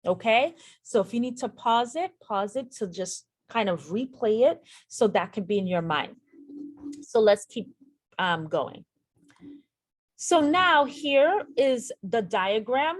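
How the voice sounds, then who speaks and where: A woman's voice: fairly high pitch, lively intonation, slow pace, no room sound. A woman teaching a nursing exam lesson over a screen share, speaking straight to her viewers and repeating the key points for emphasis. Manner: addresses viewers directly.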